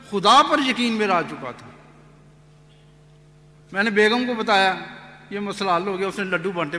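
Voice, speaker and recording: A man giving an earnest personal testimony, retelling events with animated quoted dialogue. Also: high voice. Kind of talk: storytelling testimony. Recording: echoey hall reverb.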